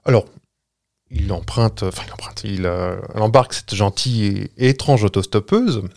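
A man's voice: lowish voice, moderate pace, a little mellow, no echo, studio quality. A man telling a spooky story in a casual, joking podcast chat, with frequent hesitations. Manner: tells a ghost story with jokes and hesitations.

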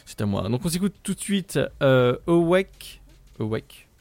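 A man's voice: medium pitch, very animated, normal speed, vocal fry, a little mellow, dry recording. A man hosting a radio show in a studio, chatting loosely and filling gaps with hesitations. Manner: loose, hesitant, lots of fillers. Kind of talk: casual radio talk.

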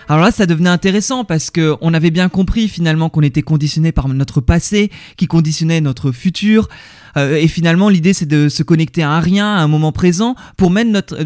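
A man's voice: high voice, a little mellow, no room sound, clean studio sound. A man talking casually and directly to the listener, often hesitating and repeating words as he explains what he learned at a seminar. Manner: chatty, addresses the listener directly. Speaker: vlogger reviewing a seminar. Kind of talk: casual talk to the viewer.

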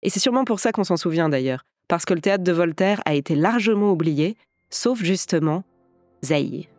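A woman's voice: lowish voice, lively intonation, brisk, a little mellow, no echo, studio quality. A woman hosting a podcast, narrating a scripted story in a theatrical storyteller's way. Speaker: podcast host and actress. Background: music.

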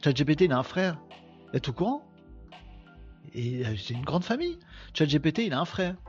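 A man's voice: on the high side, big pitch swings, brisk, lo-fi sound, soft background music. A man with a ch'ti accent hosting a live podcast, chatting casually and joking with his viewers. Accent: Picard (ch'ti) traces. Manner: chatty, self-mocking, talks to chat viewers. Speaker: podcast host. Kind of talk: casual live-stream chat.

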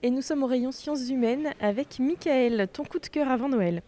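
A woman hosting a radio segment, introducing guests with brisk, friendly lines. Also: sits high, dark tone. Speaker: radio host.

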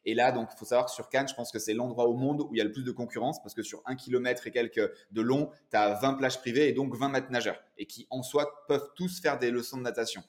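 Guest, male, 40s, animated storyteller, casual interview tone. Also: mid-range voice, fast, few pauses. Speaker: guest entrepreneur and coach.

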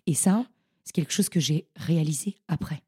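A young woman, a podcast guest, telling her stories in a casual, animated and slangy way. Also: low-pitched, moderate pace, breathy edge. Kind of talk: casual storytelling interview.

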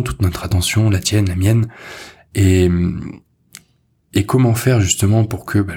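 A man's voice: sits low, darkish tone, slightly rough. A man hosting his own podcast, talking informally and directly to the listener, with fillers like "euh" and "bah". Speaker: podcast host. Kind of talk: solo podcast talk.

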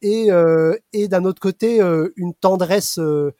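High-voiced man reviewing comics. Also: slow pace, dark tone, no room sound, clean studio sound. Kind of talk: casual radio chat.

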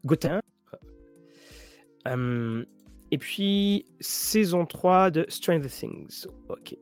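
A man's voice: fairly high pitch, animated, extremely slow, smooth, faint music behind. Rambling man chatting to viewers. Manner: rambling, frequent restarts and fillers. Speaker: tabletop RPG and series show host. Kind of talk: casual chat to viewers.

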